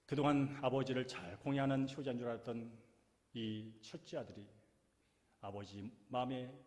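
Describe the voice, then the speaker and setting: A male pastor preaching a sermon in a church sanctuary, telling the story dramatically and moving between loud and hushed passages. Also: mid-range voice, steady tone, moderate pace, in a large hall.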